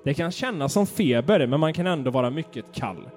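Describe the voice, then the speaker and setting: A man's voice: fairly high pitch, expressive, a little mellow, soft background music. A man co-hosting a casual chat podcast, reading grim facts aloud in a playful, laughing way. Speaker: podcast host.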